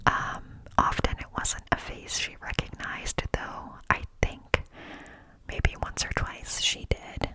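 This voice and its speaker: A woman speaks entirely in a breathy, unvoiced whisper, hushed as if everyone else is asleep at night. She tells her story casually, wandering conversationally from thought to thought, cupped close to the microphone in ASMR style. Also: slow, poor audio. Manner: hushed, quiet-at-night confiding. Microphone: close microphone with cupped hands.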